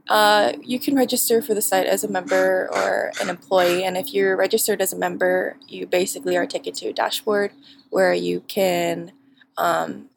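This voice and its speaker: A young woman answering interview questions about her bootcamp projects, halting with many fillers and frequent laughs. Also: medium pitch, gravelly, slight background noise. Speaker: bootcamp graduate.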